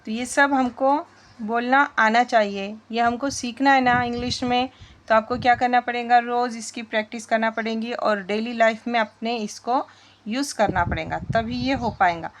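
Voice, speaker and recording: A woman's voice: a little high, fairly even intonation, moderate pace, slight background noise. A woman teaching spoken English, repeating sentences word by word and quizzing her viewers.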